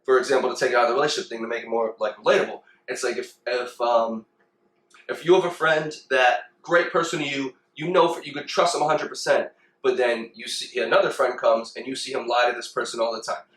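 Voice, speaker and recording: A man's voice: mid-range voice, steady tone, quick pace, fairly bright tone. Man co-hosting a podcast, echoey room. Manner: questioning, builds points with examples. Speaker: podcast co-host. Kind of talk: casual chat.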